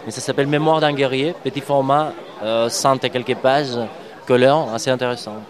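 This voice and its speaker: A man's voice: medium pitch, steady tone, a little fast, a crowd in the background. A comic book artist, a man, answering interview questions hesitantly with frequent fillers. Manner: hesitant, frequent fillers, apologizes for his speech.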